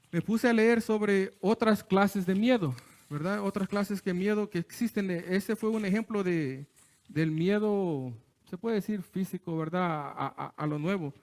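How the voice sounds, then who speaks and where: A man's voice: sits high, unhurried. A man preaching an informal sermon, often checking in with "¿verdad?" and mixing in English words. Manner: conversational, keeps asking "¿verdad?", slips into English words; hesitant restarts, chuckles between phrases.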